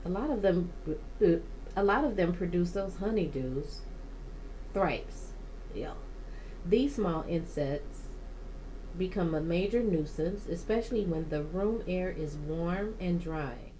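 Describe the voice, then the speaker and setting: A woman hosting a plant channel, reading aloud from a houseplant book in a halting way, stopping to correct herself and add her own comments. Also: lowish voice, warm tone, slight background noise, low-quality recording.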